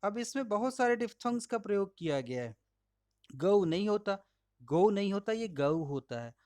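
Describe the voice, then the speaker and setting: A male pronunciation teacher with an Indian English accent and Hindi as his first language, slowly and patiently modeling each word aloud while explaining slides. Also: sits high, very animated, a little mellow, no room sound. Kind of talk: slide-based lesson.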